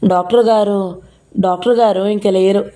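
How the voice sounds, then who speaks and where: A woman voicing a calm, careful husband who speaks gently and measuredly while breaking bad news. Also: medium pitch, moderate pace, lightly acted.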